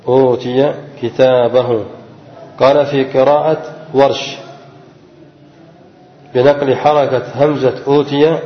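Guy teaching a grammar text, reads a bit then explains slow and quizzes the class, echoey hall sound. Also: mid-range voice. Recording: dull, echoey recording in a large hall.

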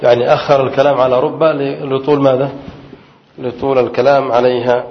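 A man teaching a traditional grammar class, asking his students questions and answering them himself. He repeats key points slowly to make them stick. The recording sounds muffled and lo-fi. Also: medium pitch, level tone, slight background noise. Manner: reads the text aloud in a raised voice.

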